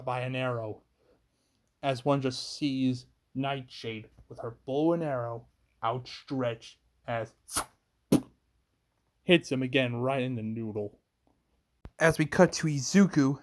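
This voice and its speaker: A man improvising a fan-fiction story aloud, rambling through the action and restarting his sentences often. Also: mid-range voice. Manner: rambling, chains events with "as", frequent restarts.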